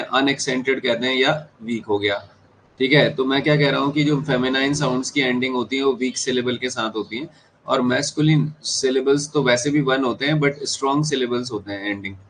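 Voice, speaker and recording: Indian man, exam-prep teacher, repeats terms, checks understanding, mid pitch, faint hiss behind. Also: fairly bright tone, rough recording. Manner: mixes Hindi and English, repeats key terms, checks students understand. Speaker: English teacher. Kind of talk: classroom lecture.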